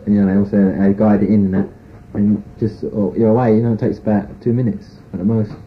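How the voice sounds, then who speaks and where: Man, interviewee, rambling frank account, fast delivery, lo-fi phone-like tape with faint hiss. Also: lowish voice, little pitch movement. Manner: rambling, full of "you know" and "sort of".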